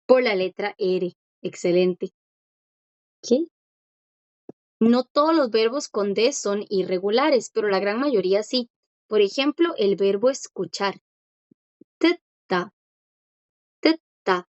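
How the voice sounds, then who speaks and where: A woman's voice: medium pitch, animated, unhurried, darkish tone, no echo, muffled recording. A woman teaching a language class, explaining grammar patiently and often checking that students follow. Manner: patient, repeats key points and checks understanding. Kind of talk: online language lesson.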